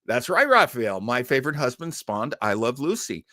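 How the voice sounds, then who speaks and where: Speaking at a moderate pace in a sing-song, mid-range voice with a sharp tone, a man in his early sixties chats loosely with viewers of his classic radio listening livestream. He rambles and drops jokey asides. The sound is studio quality, free of echo.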